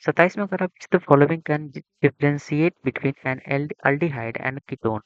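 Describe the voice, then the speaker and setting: A man's voice: a little high, slow pace, clean tone, no echo. A man teaching a chemistry exam lesson. He asks his students questions, repeats them and supplies the answers himself. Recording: dry, dull lo-fi sound.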